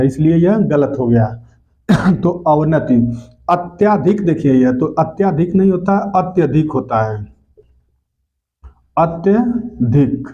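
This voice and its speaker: Man teaching spelling, slow and repetitive. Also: fairly high pitch, warm tone. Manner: explains step by step, repeats each correct word slowly. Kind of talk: spelling lesson lecture. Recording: dull lo-fi recording.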